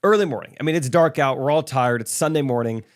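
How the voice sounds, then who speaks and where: A man co-hosts a podcast in relaxed chat. He tells stories with animation and acts out the people in them. His voice is smooth and resonant. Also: mid-range voice, quick pace. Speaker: podcast co-host. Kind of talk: casual chat, storytelling.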